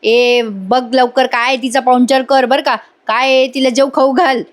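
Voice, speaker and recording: A woman's voice: high-pitched, fairly even intonation, moderate pace, close to an everyday voice. A woman voicing an angry, commanding rich middle-aged father.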